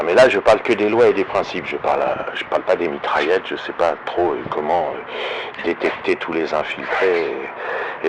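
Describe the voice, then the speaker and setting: Deep morphed voice-changer voice, polemical monologue, noisy hiss behind. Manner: polemical, insistent. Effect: heavy voice changer, deepened and morphed. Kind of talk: monologue commentary video.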